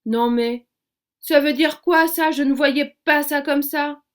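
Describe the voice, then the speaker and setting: A woman's voice: high-pitched, slow, pitched above the performer's own voice. A woman voicing a skeptical young male mouse in a storybook reading. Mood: grumbling.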